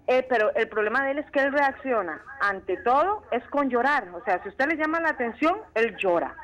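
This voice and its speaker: A chatty woman calls in to the show. She is a mother with a somewhat high voice and tells her story with lively emphasis. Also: normal speed, rough recording. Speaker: caller, mother.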